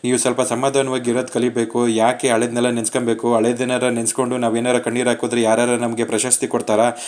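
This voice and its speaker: A man's voice: medium pitch, monotone, fast, a little mellow, lightly acted. A man reading as a teasing, kind young husband. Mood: reassuring. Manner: teasing, coaxing and talkative. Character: kind, joking young husband who comforts everyone.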